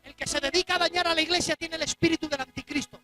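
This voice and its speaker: A preacher delivers a dramatic sermon in a church, his voice pitched high. He punches some lines out at full force and drops others to a near-hush. Music plays clearly behind him. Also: steady tone, very fast. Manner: emphatic, dramatic, swings between loud exclamations and hushed asides.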